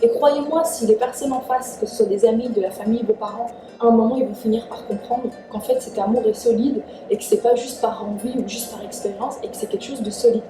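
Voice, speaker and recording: A woman's voice: a little high, brisk, hardly any pauses, noisy background. A young woman born in Iran, giving chatty, earnest relationship advice in a casual vlog. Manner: earnest, chatty, frequent "en fait". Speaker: vlogger. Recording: echoey room, distant mic, faint music.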